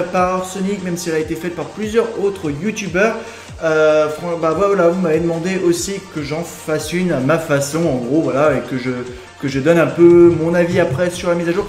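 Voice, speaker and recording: A young man with a high voice talks through a gaming video in a loose, rambling way, full of fillers and restarts. The sound is echoey, with faint music under it. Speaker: gaming YouTuber. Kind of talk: casual gaming video commentary. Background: faint background music.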